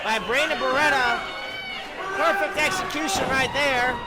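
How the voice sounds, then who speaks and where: Very high-pitched male wrestling commentator, loud crowd. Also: steady tone, normal speed, loud music behind the voice. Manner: dramatic, emphatic announcing. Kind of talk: live professional wrestling commentary. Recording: live event with very loud crowd.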